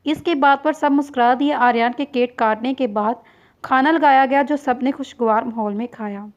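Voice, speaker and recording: A woman reading a novel aloud in scripted narration, voicing every character herself in an even read-aloud delivery. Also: high-pitched, moderate pace, muffled recording. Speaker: novel reader.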